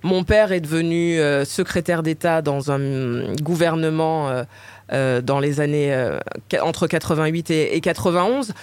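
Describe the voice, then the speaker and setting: A woman's voice: low-pitched, unhurried, a little mellow, smooth, no room sound. A woman in her forties from the Paris suburbs with a suburban Parisian accent, answering interview questions hesitantly with many fillers. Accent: Paris suburban French. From Paris suburbs, France. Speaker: author and interviewee.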